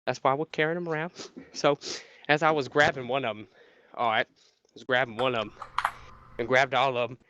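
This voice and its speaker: A man's voice: medium pitch, fairly even intonation, fairly quick, long pauses, bright, forceful tone, a little hiss or hum. Profane, rambling man telling a story. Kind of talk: casual spoken anecdote. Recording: muffled dry recording.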